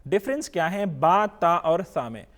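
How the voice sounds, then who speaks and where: A man with a Pakistani accent teaching a televised Quran reading lesson, patiently drilling each letter with slow, drawn-out recitation and English words mixed into his explanations. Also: a little high, big pitch swings, fairly bright tone.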